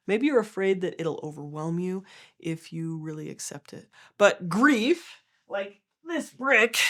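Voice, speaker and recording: Young adult woman, a touch low, calm and gentle for therapy explainer narration. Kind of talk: educational explainer.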